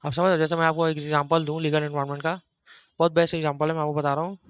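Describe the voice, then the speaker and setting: A middle-aged man delivers a recorded accounting lecture from a small room at his laptop, lively and chatty. His voice is bright and crisp, and he teases his students and repeats words for emphasis. The recording is dry and a little dull. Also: a little high, racing, no room sound. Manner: chatty, teasing asides to students. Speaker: accounting teacher.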